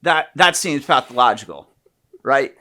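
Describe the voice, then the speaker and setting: Man, casual podcast talk, bright tense voice, lively swoops, profane, loud emphatic bursts. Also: medium pitch, measured pace. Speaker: podcast co-host, therapist. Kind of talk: candid casual conversation.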